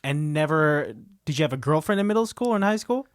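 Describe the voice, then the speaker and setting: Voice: mid-range voice, animated, fast, no echo, clean studio sound. A podcast host chatting casually, firing off teasing questions at the guest. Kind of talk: casual chat.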